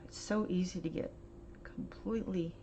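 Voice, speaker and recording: An art vlogger, a woman whose voice is on the low side, dark, and steady in tone, chats through a paint swatching demo at home. Her talk is meandering and hesitant, peppered with ums and uhs in the pauses. It's a dull lo-fi home recording with a faint hiss.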